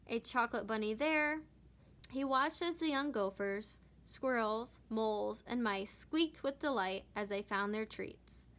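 Woman, teacher, read-aloud storybook, expressive, bright voice. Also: fairly high pitch. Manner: expressive, animated narration.

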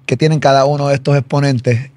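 A man's voice: mid-range voice, level tone, quick pace, darkish tone, dry recording. A man with a Puerto Rican accent hosting a casual interview, asking loose questions and dropping short replies. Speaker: show host.

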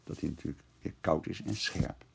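A male teacher talks through a translation one word at a time and reasons aloud as he goes. His voice sits very low and has a gravelly, creaky edge. Beneath it runs a husky grain. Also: moderate pace. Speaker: classics teacher. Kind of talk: screencast lesson translating Greek verse.

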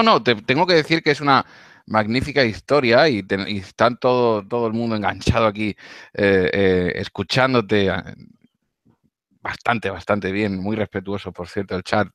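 A man's voice: on the low side, fairly bright tone, no echo. A man interviewing a guest on a live stream, talking hesitantly with many fillers and repeated words.

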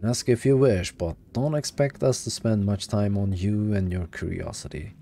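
A man reading aloud as a calm, menacing creature made of worms that speaks of itself as "we". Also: fairly low pitch, vocal fry, slight background noise. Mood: curt. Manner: cold, unhurried, speaks as "we". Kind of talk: reading game dialogue aloud.

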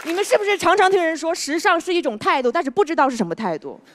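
A high-voiced woman with a lively, bouncing delivery performs a stand-up set on a large TV studio stage. She talks to the crowd conversationally, drops her punchlines deadpan, and keeps asking "you know?". Loud audience laughter and hiss sit behind her voice. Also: racing. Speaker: stand-up comedian.

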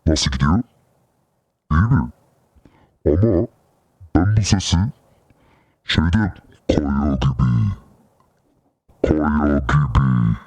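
A man testing a voice changer that shifts his voice far deeper, speaking in a slow, looming, taunting way. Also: a little mellow, no echo, full character voice. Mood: menacing.

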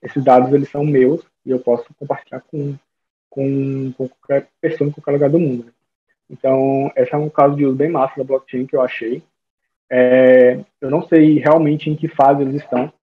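Presenting slides on a video call from a small home room, this young man talks casually with a Brazilian Portuguese accent, restarting often and using many fillers. His mid-range voice is slightly rough, with little pitch movement, at normal speed. The webcam or laptop mic gives a thin, phone-like sound.

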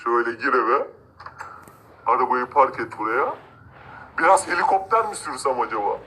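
A man's voice: medium pitch, normal speed, bright, forceful tone, natural voice, rough recording. A man voicing an arrogant, cruel rich man who gloats, mocks and threatens villagers in a game-video drama. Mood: gloating. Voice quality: gloating, mocking laughs. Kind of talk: amateur game role-play narration.

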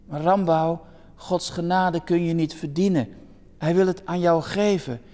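A preacher reading a gentle pleading missionary. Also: male voice, fairly high pitch, steady tone, unhurried, pitched above the performer's own voice, lightly acted. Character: male missionary, gentle and persuasive. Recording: long church reverb.

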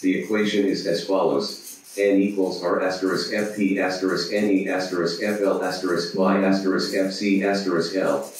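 A man's voice: low voice, little pitch movement, moderate pace, lightly acted. A man voicing a boastful, pompous robot chatbot that adds beep-boop noises, in a very echoey room, far from the mic. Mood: smug.

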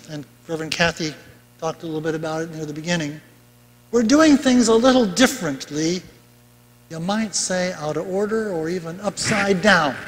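An older man preaching a sermon from a pulpit in a large church, in a conversational way with asides and rising emphasis. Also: high voice. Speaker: pastor. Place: large bright church sanctuary. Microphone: pulpit mic from far camera. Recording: long church reverb.

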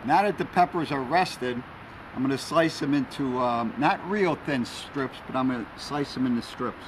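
A man explaining each step as he cooks on an outdoor grill, in a relaxed, casual way. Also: mid-range voice, moderate pace. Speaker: home cook. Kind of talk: casual cooking demonstration. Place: outdoor grill in a city at dusk. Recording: outdoor street noise.

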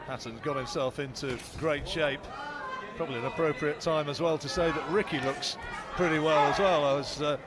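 Male play-by-play caller, higher pitch, loud arena crowd roaring behind. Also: steady tone, heavy background noise. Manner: measured play-by-play with fight facts. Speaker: boxing commentator. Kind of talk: live boxing commentary. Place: ringside at an indoor boxing arena.

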